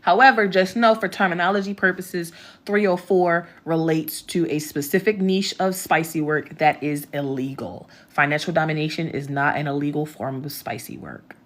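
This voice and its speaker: A woman's voice: deep voice, moderate pace. A woman with a Baltimore accent hosts a casual ask-me-anything vlog. She talks in a blunt, profane, streetwise way, laughs easily and keeps checking in with "okay?" as she goes. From Baltimore, West Side. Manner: chatty, loops back with "okay?" and "you know what I'm saying". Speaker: host answering viewer questions.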